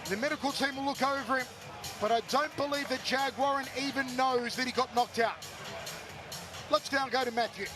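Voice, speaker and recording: A man calling a fight live as play-by-play commentator in a booming, dramatic announcer's delivery full of colourful catchphrases. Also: steady tone, moderate pace. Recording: loud crowd and music behind. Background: loud crowd and music.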